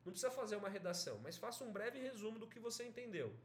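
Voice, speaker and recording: Brazilian man teaching an online writing class, high animated voice, chatty explanations, echoey room with faint noise. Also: rapid-fire. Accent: Brazilian Portuguese. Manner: explanatory, chatty, checks in with students.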